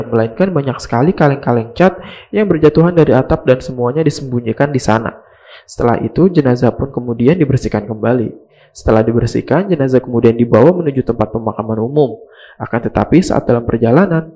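A man with a dark, mellow voice of medium pitch narrates a scripted recap. He addresses the audience in slangy language and slips in mocking asides as he tells the story.

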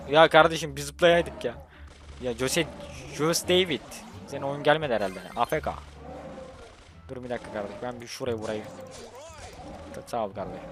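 A man from Turkey giving casual, jokey commentary on a mobile game, talking excitedly to the game and his teammates. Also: mid-range voice. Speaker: mobile gaming youtuber. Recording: voice over loud game music.

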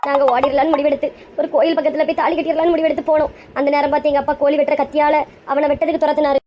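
A woman's voice: sits high, flat delivery, rapid-fire, highs cut off, a little hiss or hum, close to an everyday voice. A woman playing a brash, melodramatic middle-aged mother in a comedy skit, bossy and scolding, with a Kanyakumari Tamil accent.

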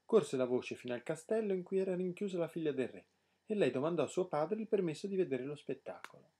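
A man narrates a fairy tale with an expressive, lively storyteller's delivery. His voice is husky and mellow, rising and falling widely. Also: on the high side, fast.

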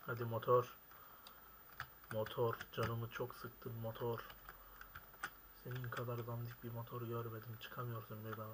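Young male gamer, mid-pitched, exasperated and complaining at the screen over keyboard clatter. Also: monotone, a little slow, long pauses. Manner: exasperated, complaining loudly at the game. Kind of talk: frustrated gaming commentary. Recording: keyboard clicks and noise behind. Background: keyboard typing.

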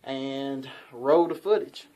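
A man's voice: medium pitch, slow pace, warm tone. A young man, rambling casually to the camera from a small bedroom. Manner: rambling, folksy, repeats himself. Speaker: outdoors channel host. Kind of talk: casual vlog talk to camera.

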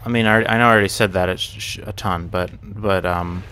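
A man's voice: deep voice, steady tone, a little fast, sharp tone, slight background noise. Rambling young man muttering over a horror game. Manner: rambling and profane, often muttering to himself; yelps and curses at jump scares. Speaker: gaming channel host. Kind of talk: let's play commentary.

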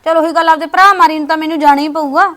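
A woman's voice: sits high, fairly even intonation, rapid-fire, a bit bright. A woman playing a soothing grown daughter. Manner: soothing, pleading. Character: grown married daughter visiting her mother, peacemaker.

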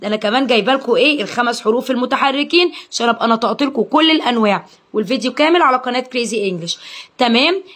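A young Egyptian woman teaching English pronunciation to children, drilling sounds slowly and praising cheerfully. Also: a little high, fairly bright tone. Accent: Egyptian Arabic. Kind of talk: phonics lesson for children.

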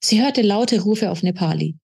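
A woman author reading aloud from her own novel in a steady, measured narrating manner. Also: mid-range voice, vocal fry, breathy edge.

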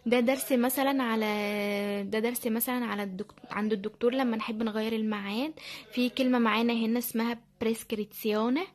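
A woman's voice: fairly high pitch, steady tone, fast. A woman with an Egyptian accent walking viewers through how she studies, chatty and full of fillers. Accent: Egyptian Arabic. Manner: chatty, repeats phrases, many fillers. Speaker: language learner sharing study tips. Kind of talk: casual screen-share tutorial.

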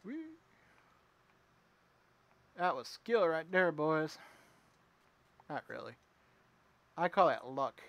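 A man streaming himself playing a retro game, chatting with viewers and reacting out loud as he plays. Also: on the high side, lively intonation, takes it slowly, long pauses, dry recording. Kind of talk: casual live gameplay commentary.

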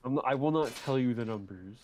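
A man on a voice call guiding a friend through a game, relaxed, teasing and amused. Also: mid-range voice, quick pace, slight background noise. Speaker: co-host on call guiding the player. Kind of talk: casual gaming chat.

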